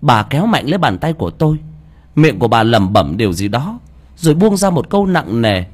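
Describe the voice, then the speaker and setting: Husky-voiced man narrating a story. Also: medium pitch, big pitch swings, a little fast, darkish tone. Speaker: audiobook reader. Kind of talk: first-person story narration.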